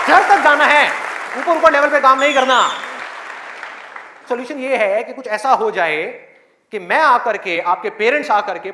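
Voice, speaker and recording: A man's voice: very high-pitched, noisy background. A man giving a motivational speech to students in a large hall, asking rhetorical questions and acting out their inner voices. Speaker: motivational speaker. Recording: echoey hall, faint crowd.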